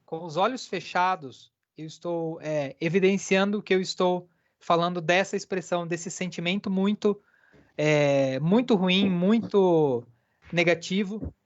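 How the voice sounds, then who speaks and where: Halting interpreter voicing a lecture, lo-fi. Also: medium pitch. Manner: halting, with many filler pauses.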